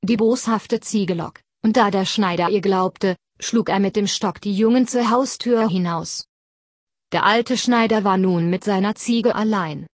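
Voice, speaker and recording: Female narrator for a fairy tale audiobook, calm and even, recorded close and dry. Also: mid-range voice, unhurried, dry recording.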